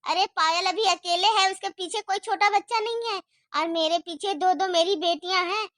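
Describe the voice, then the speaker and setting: A woman's voice: extremely high pitch, normal speed, no room sound, clean studio sound. A woman voicing a tired young wife and mother who pleads and defends herself in a cartoon story. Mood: grumbling. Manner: pleading, defensive, soft complaining. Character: weary put-upon young wife with children.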